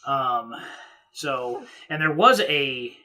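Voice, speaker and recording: Bright sharp-sounding guy on a podcast, keeps restarting his sentences. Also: medium pitch, lively intonation. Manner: halting, restarts sentences often. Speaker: podcast co-host. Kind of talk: casual chat.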